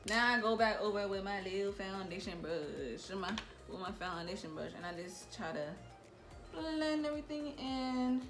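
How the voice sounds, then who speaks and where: A young woman talking casually through a makeup tutorial and telling a story in a chatty, animated way. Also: mid-range voice, moderate pace, few pauses, over music. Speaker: beauty vlogger.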